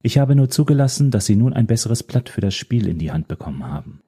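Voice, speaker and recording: A man voicing a calm, mysterious woman informant who speaks in a measured, quietly menacing way. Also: medium pitch, breathy edge. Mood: cool, composed.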